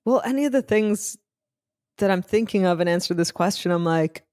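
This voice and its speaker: A woman's voice: medium pitch, fairly quick, a little mellow, no room sound, clean studio sound. A woman co-hosting a podcast, chatting in a playful, chatty way. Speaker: podcast host. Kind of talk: casual chat.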